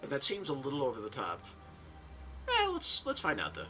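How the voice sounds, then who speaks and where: A man's voice: mid-range voice, huge pitch swings, brisk, music in the background, rough recording. A young man streaming a game, commenting in a rambling, self-mocking, casual way. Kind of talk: gameplay commentary.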